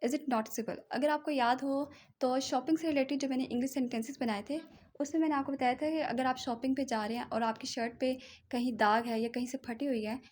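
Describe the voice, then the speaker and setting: A woman teaches English vocabulary in a high, light voice. She reads each example sentence slowly and repeats it, checking with her listeners after almost every line. She speaks as a voice-over into a close microphone. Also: fairly even intonation, a little mellow, a little hiss or hum. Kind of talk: language lesson with slides.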